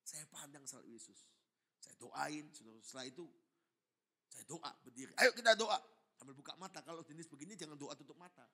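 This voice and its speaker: A man's voice: on the high side, a little fast, a bit bright, slightly rough. A middle-aged man preaching a sermon in church, telling a story with dramatic swings and constant calls to the congregation. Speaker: pastor.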